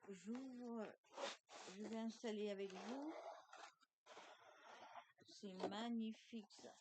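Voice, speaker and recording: Slow, chatty woman unboxing at home. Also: a little high, very noisy. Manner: hesitant, chatty, addresses viewers directly. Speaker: craft channel host. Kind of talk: casual unboxing chat.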